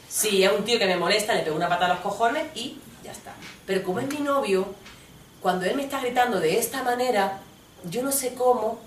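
A woman's voice: medium pitch, echoey room, recorded from a distance, slight background noise. A woman from Spain with a Spanish accent, performing a theatrical monologue on stage, switching between the voices of people in her story and speaking bluntly with frequent swearing.

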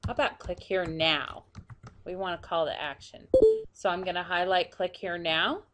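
Soft-spoken woman narrating a software tutorial. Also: on the low side, steady tone, moderate pace, noisy background. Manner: narrates each step as she clicks, quietly, sometimes near a whisper. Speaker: tutorial presenter. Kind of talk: screen-recorded software tutorial.

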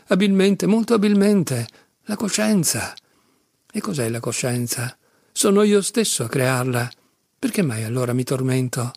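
A man's voice: fairly high pitch, creaky, darkish tone, no room sound, clean studio sound. A man reading an audiobook, voicing a tormented young man who speaks insistently and with agitation.

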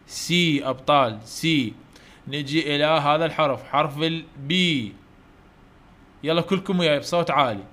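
A man with an Iraqi Arabic accent, teaching English letters to children online, coaxing loud repetition and heaping praise. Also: a little high. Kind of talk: online letter-drill lesson.

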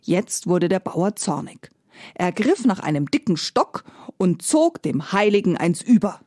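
A woman storyteller telling a folk tale in a lively, expressive way. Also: fairly low pitch, measured pace, dry recording, clean studio sound. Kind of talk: scripted fairy-tale narration.

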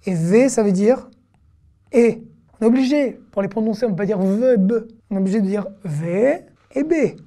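A woman teaching an online reading lesson, patiently repeating syllables slowly with casual fillers. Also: mid-range voice, dark tone. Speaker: Hebrew teacher.

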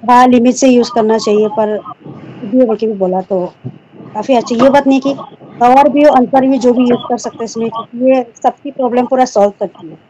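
A woman's voice: fairly high pitch, a little fast, mellow, a little hiss or hum. A young woman on a video call, earnestly and politely sharing her experience with the host. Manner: earnest, polite, says ma'am. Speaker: caller sharing her results. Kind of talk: casual video call chat. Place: small room indoors. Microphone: video call on phone. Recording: dull lo-fi video call audio.

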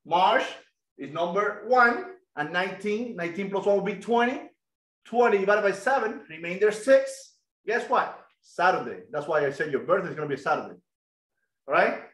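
A middle-aged man with a Cuban Spanish accent giving an energetic online math lesson and quizzing students over a video call headset. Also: high-pitched, normal speed, reverberant, rough recording. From Cuba. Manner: energetic, asks students questions. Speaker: guest lecturer.

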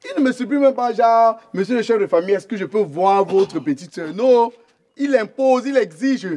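An actor playing a confrontational eldest brother who mocks an intruder. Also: male voice, sits high, animated, normal speed, dark tone. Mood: mocking. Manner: mocking, confrontational. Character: protective young man, eldest brother of the family.

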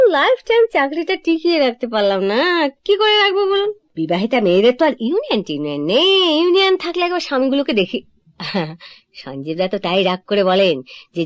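With a fairly high pitch and no room sound, an actress plays a chatty young divorced woman in a comic stage monologue on a dull lo-fi old recording. She's lively and self-correcting, confiding in her listeners.

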